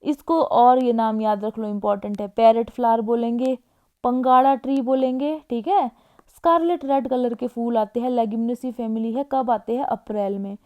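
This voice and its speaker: A woman teaching an exam-prep lecture in a casual way, often checking in with her class and reading plant names slowly. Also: fairly high pitch, steady tone, warm tone. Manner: casual, repeats "ठीक है", reads Latin names slowly.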